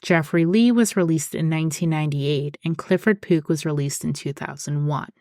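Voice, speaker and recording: Woman host, low register, measured explanatory read of true-crime script, dry studio sound. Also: a little mellow, no echo. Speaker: podcast host.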